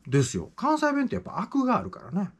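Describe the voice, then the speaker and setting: A man's voice: sits high, wildly swooping pitch, quick pace. A man with a Kansai accent, interviewing a young colleague in a joking, teasing way. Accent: Kansai Japanese. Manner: joking, teasing, laughs often. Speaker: interviewer, former company employee. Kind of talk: casual teasing interview chat.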